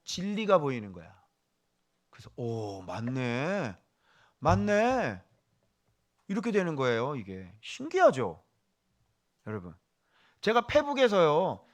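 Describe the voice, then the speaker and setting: A male pastor preaching a sermon, animated and firing questions at the congregation, dropping to a hush for asides. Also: high-pitched.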